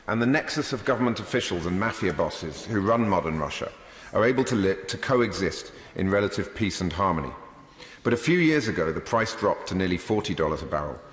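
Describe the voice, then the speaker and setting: Low-voiced British man speaking in parliament, echoey hall. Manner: measured, rhetorical and emphatic. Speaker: member of parliament making a speech. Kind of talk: formal parliament speech. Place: large debating chamber. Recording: echoey hall, long reverb.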